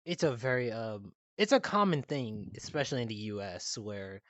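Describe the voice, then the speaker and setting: A man's voice: medium pitch, very animated, moderate pace, dry recording, lo-fi sound. Casual young man hosting a chat. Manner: rambling, filler-heavy, asks questions. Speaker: podcast host.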